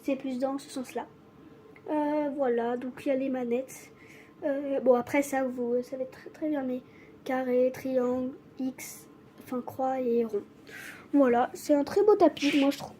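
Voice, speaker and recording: Casual vlogger woman with a stutter, slow and apologetic, high, soft-toned voice. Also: fairly even intonation, a little hiss or hum. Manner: stutters, restarts words often; halting, apologetic. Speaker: vlogger showing her gifts. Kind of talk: casual unboxing chat to camera.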